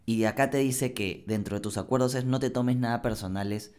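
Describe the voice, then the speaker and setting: A man co-hosting a podcast, talking in a reflective, halting way with frequent restarts. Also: medium pitch, fairly even intonation, darkish tone, clear, resonant tone. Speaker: podcast co-host. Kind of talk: casual conversation.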